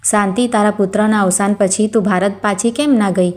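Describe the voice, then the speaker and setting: A woman voicing an elderly grandfather, proud and wounded, speaking quietly and firmly in a storybook tale. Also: mid-range voice, fairly even intonation, a little fast, natural voice.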